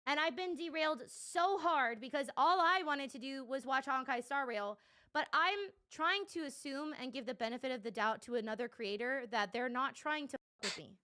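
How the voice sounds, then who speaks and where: Exasperated young woman streamer, high voice. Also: fairly bright tone. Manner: rambling, exasperated, swears a lot. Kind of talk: casual commentary reacting to clips.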